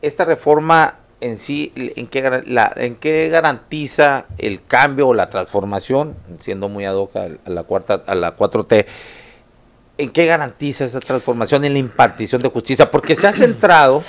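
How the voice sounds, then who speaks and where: A man's voice: mid-range voice, moderate pace. A man hosting a live talk show, reading viewer comments aloud in a casual, joking way. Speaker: host.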